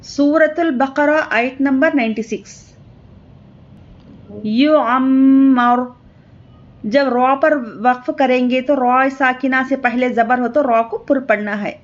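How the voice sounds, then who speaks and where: Woman, Quran reading teacher, high voice, slow drawn-out syllables, quick rule asides, dull lo-fi sound. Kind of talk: slow letter-by-letter spelling lesson.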